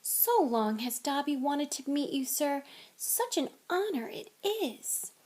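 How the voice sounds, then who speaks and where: A woman voicing a timid, devoted male house elf who is high-pitched, earnest and servile, and who speaks of himself in the third person. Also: big pitch swings, slow, darkish tone, heavily acted.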